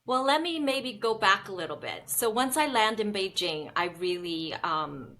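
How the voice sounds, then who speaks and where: In a casual interview conversation, a Seattle-based business founder recounts her story, chatty and peppered with ums. She talks at normal speed in an animated, mid-range voice with a bright, forceful tone.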